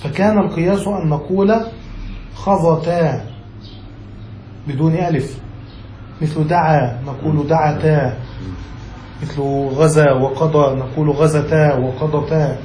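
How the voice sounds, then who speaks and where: Grammar teacher, male, mellow dark tone, explains patiently, echoey room with faint background hum. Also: fairly high pitch, moderate pace. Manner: reads text then explains, checks students with "got it?". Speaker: sheikh teaching Arabic grammar. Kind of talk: classical text lesson.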